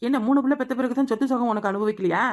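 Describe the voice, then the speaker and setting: Woman doing a touchy younger village sister, Kanyakumari Tamil accent, fast retorts, fairly high voice. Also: darkish tone, close to an everyday voice. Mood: reproachful. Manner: retorting, quick to take offence. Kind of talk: cartoon voice acting.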